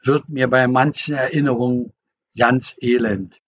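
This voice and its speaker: A man voicing a hearty, teasing old fisherman who talks in a booming, folksy dialect, on a dull lo-fi recording. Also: fairly even intonation, measured pace, slightly rough. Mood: brooding.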